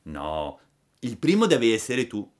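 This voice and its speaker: A man's voice: medium pitch, huge pitch swings, a little slow, a little mellow. A man voicing a mischievous wooden puppet boy, eager and bargaining. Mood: scheming.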